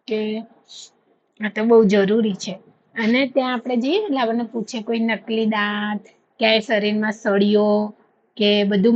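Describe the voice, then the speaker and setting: A woman's voice: on the high side, muffled recording. A woman, chatting casually to camera in a storytelling way. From India. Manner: chatty storytelling, animated when retelling. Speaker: vlogger.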